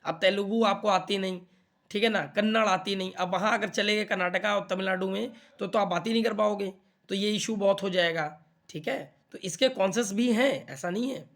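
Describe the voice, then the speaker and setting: A young man with a high, fairly bright voice speaks a little fast while coaching exam students in a casual explainer. Chatty and explanatory, he keeps checking comprehension with repeated "theek hai na."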